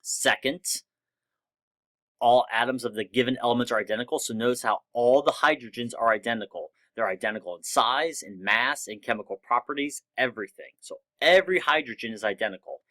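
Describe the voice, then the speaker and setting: A man's voice: medium pitch, fairly quick, sharp tone. A man teaching a chemistry lesson over slides in a casual, explanatory way, with some fillers. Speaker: chemistry instructor. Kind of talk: recorded lecture over slides.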